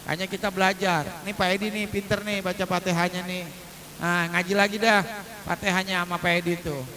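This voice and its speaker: A man preaching a humorous religious lesson, chanting verses slowly to show their pronunciation and joking in colloquial asides to his congregation. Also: sits high, flat delivery, pushed and bright. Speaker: Islamic preacher.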